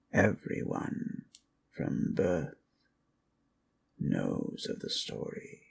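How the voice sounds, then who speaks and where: In an ASMR fantasy roleplay, a man voices a courteous undead lich who is both healer and storyteller, rambling and musing in an unhurried, formally polite way. His low-pitched voice is gravelly, sometimes breathy, and exaggerated, with a solemn storytelling mood and a little hiss or hum in the recording.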